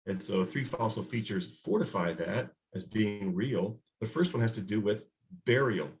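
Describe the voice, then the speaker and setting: A man's voice: on the low side, lively intonation. Male guest scientist, slide talk over a video call mic; hesitant delivery, frequent ums and restarts. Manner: halting, many fillers and restarts. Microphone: video call microphone.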